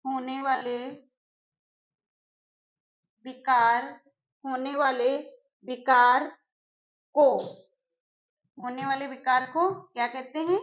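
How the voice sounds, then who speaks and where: A woman teacher giving an exam-prep grammar lesson, slowly repeating key phrases and putting questions to her students. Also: high-pitched, steady tone, fairly bright tone. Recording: echoey room, dull lo-fi sound.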